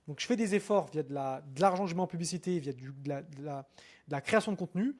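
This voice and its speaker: A man's voice: fairly high pitch, a little mellow. A man coaching on marketing funnels in a casual, filler-heavy way, often checking in with "ok?". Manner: fast, informal, many fillers and restarts, addresses viewer with "ok?". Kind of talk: screen-share marketing lesson.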